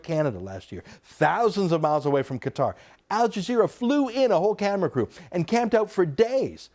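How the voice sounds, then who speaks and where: A male TV commentator delivers a combative opinion monologue with a fairly high voice that swings widely in pitch. His delivery is emphatic and sarcastic, pressing each point hard. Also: darkish tone.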